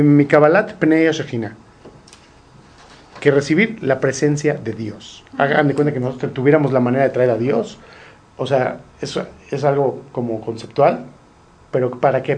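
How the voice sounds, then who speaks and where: A man's voice: fairly high pitch, a little mellow. A man teaching a Torah study group, asking questions and translating Hebrew quotes. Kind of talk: informal study-group lesson.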